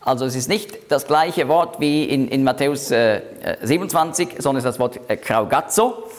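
A man leading a Bible study, explaining verses slowly and deliberately, with frequent hesitations. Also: mid-range voice, lively intonation.

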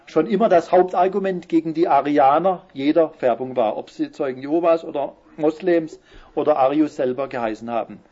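Bible teacher, male, fairly high husky voice, slow stressed scripture reading, muffled lo-fi recording. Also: warm tone. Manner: explains Bible verses, reading quotes slowly with emphasis. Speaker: preacher.

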